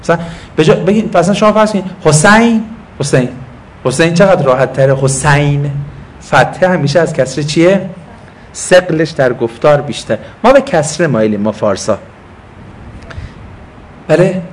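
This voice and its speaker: High-voiced man teaching a lecture class. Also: expressive, pauses often. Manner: explains patiently, asks and answers own questions; talks to students present. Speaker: religious teacher.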